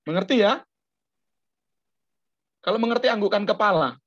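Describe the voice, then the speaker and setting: A middle-aged Surabaya man, his voice high and a bit bright, teaches a discipleship class at normal speed. He weaves in anecdotes, frequently checks for understanding, and is captured in a dull lo-fi recording with no room sound.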